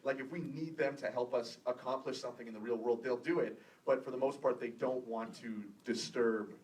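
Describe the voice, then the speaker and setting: A Canadian man in his thirties, a filmmaker guest at a screening Q&A, telling stories casually and animatedly, laughing and quoting people in lively voices. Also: medium pitch, brisk. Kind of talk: casual Q&A storytelling. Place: theater after a screening. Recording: distant room recording with faint noise.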